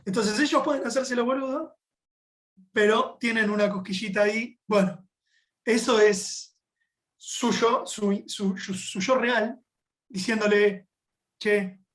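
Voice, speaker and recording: A man from Argentina with a Rioplatense Argentine Spanish accent, a podcast guest in casual conversation, relaxed and using voseo and local slang. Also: sits high, unhurried.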